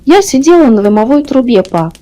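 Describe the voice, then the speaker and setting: A woman's voice: high-pitched, sing-song, a little fast, dark tone. A woman voicing a wistful, innocent little princess in a bedtime storybook reading. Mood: dreamy.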